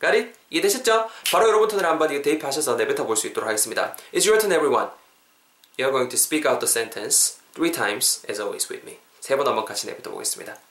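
A man hosting a podcast English lesson, explaining phrases in an energetic way and switching into English phrases. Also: medium pitch, normal speed, reverberant. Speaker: English teacher, podcast host.

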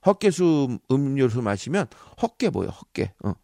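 A man who is a professor and speech coach gives a lively, teasing talk full of rhetorical questions and puns. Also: medium pitch, normal speed, creaky, no echo, clean studio sound. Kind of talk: lively talk-show lecture.

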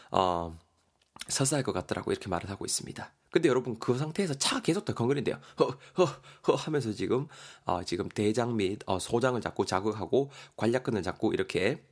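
A man teaching English words in a casual podcast lesson, acting out example dialogues with lively shifts in voice. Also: on the low side. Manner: animated, acts out example dialogues.

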